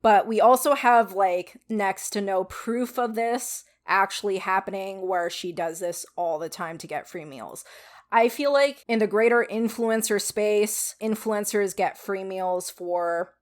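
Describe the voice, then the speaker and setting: A woman's voice: mid-range voice, measured pace. A woman with a weak voice giving frank, casual opinion commentary to viewers, with some swearing. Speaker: video commentator.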